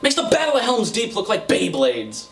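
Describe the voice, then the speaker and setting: A man with a fairly high voice delivers a casual, comedic review rant. His manner is sarcastic and irreverent, with plenty of swearing. He sounds set back from the mic in a roomy space with echo. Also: huge pitch swings, normal speed, gravelly, fairly bright tone. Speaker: video reviewer, host. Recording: roomy, distant mic, faint noise.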